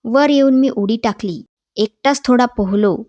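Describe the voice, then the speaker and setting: A woman narrating a textbook story in a clear, measured storybook reading. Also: a little high, warm tone, dry recording. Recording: dull dry voice-over.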